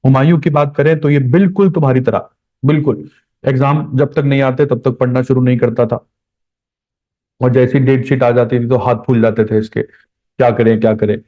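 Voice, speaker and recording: A man's voice: medium pitch, fairly even intonation, moderate pace. Man lecturing on history, lo-fi. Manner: conversational, addresses students directly, repeats key points. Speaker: history teacher. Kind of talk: classroom lecture. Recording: dull lo-fi recording.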